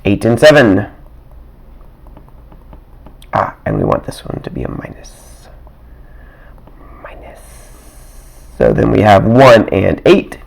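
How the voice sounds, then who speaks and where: Sitting at his desk, a math teacher casually solves example problems aloud, with little chuckles and side comments. His fairly low voice swoops wildly in pitch, comes out slow with frequent pauses, and is raspy and dry, roughening as he keeps clearing his throat.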